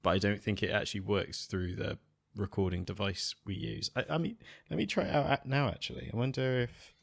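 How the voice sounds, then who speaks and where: A man hosting a podcast, talking in relaxed, easygoing casual chat. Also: on the low side, brisk, gravelly, no echo. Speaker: podcast host.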